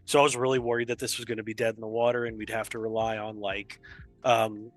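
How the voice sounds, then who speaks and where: A man's voice: on the low side, little pitch movement, quick pace, faint music behind. A man co-hosting a gaming podcast, talking in an enthusiastic, rambling casual chat. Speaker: podcast co-host.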